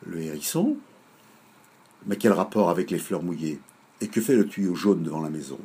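A man's voice: deep voice, big pitch swings, moderate pace, mellow, husky, full character voice. A man doing a kindly, puzzled old grandpa.

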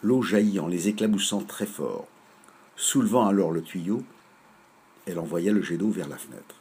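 Low-voiced man reading a children's story. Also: husky. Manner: measured, lively narration.

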